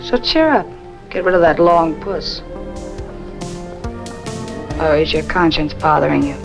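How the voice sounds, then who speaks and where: A woman's voice: low voice, lively intonation, a little slow, gravelly, heavily acted, rough recording. An actress playing a tough, bossy woman in a 1940s film noir, with a put-on New York accent and a snappy, menacing, slangy delivery. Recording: old film soundtrack with music.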